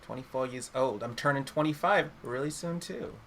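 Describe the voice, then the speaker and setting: Young man, mid 20s, bright sharp voice, giggly podcast host, faint hiss. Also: medium pitch, moderate pace. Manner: giggly, introducing others. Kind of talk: casual chat.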